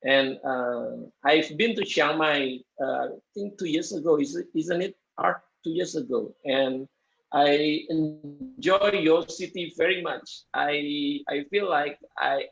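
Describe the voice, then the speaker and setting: Halting, slow-talking man on a muffled call. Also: a little high, vocal fry, a bit bright. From Indonesia. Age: 30s. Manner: hesitant, many fillers and restarts. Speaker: guest lecturer, architect. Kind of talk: halting lecture in non-native English.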